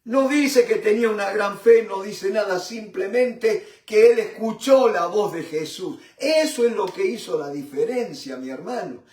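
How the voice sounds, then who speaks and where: A man teaching a Bible study in a fervent sermon style, repeating tag questions and addressing listeners as brothers, with halting restarts and swings in loudness. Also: high-pitched, lively intonation. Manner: fervent, repeats "mi hermano" and "¿no es cierto?". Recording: roomy echo from a distant mic.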